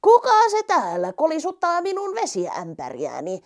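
A woman's voice: high-pitched, wildly swooping pitch, voice pushed up, heavily acted. A woman voicing a friendly old circus giraffe who is a little proud of his tightrope walking. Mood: chatty.

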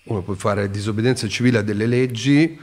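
A man's voice: fairly low pitch, fast. Earnest middle-aged man explaining. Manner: earnest, explanatory, animated when telling stories. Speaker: podcast guest, activist. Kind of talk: casual conversation.

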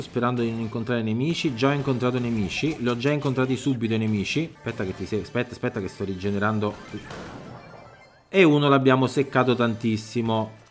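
An excitable man talks through his gameplay as it happens. He jumps from loud, urgent pleas to quiet muttering, and a faint music bed plays under his voice. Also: mid-range voice. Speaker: gaming YouTuber. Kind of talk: live gameplay commentary.

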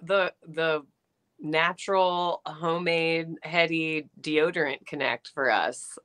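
A woman's voice: sits low, fairly even intonation, takes it slowly, a bit bright. A woman chatting on a podcast, teasing and scolding her co-host jokingly. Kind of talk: casual podcast chat.

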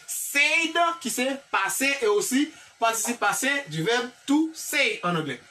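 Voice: medium pitch, lively intonation, unhurried, bright, forceful tone, far from the mic. A teacher with a Haitian accent giving a classroom grammar lesson, drilling example sentences one by one and checking in with the class. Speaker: English teacher.

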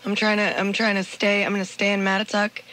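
Gushing, excitable radio host woman. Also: medium pitch, fast, a crowd in the background, rough recording. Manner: gushing, excitable, stumbling restarts. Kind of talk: casual radio chat. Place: radio studio.

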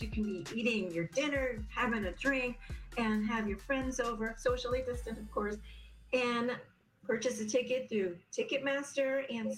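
Middle-aged woman, arts programming manager, clear and informative, video call. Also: fairly high pitch. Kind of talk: promotional interview. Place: room at home.

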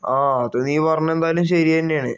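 A man doing scheming crooked cops muttering low. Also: brisk, smooth, dull audio, close to an everyday voice. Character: scheming crooked male police officers.

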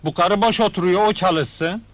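An actor playing a blunt, grumbling Turkish migrant worker in a film comedy. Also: male voice, high-pitched, moderate pace, a bit bright, dry recording. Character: plain-spoken Turkish migrant worker, man. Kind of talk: 1980s film comedy acting.

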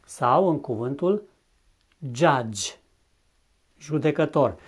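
A language teacher from Romania giving a scripted video lesson, speaking slowly and deliberately and repeating example words with careful pronunciation. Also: mid-range voice, lively intonation. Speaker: English teacher.

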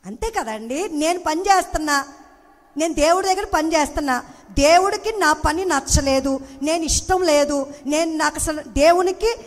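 A woman's voice: high-pitched, moderate pace, in a large hall. A woman pastor with a Telugu accent, preaching a passionate sermon full of rhetorical questions in a church.

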